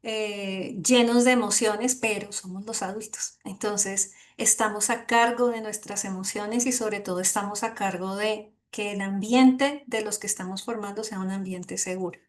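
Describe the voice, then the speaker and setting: A woman giving an online lecture as a course instructor, earnest and gently emphatic, often checking in with her listeners. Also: mid-range voice, fairly even intonation, moderate pace, hardly any pauses.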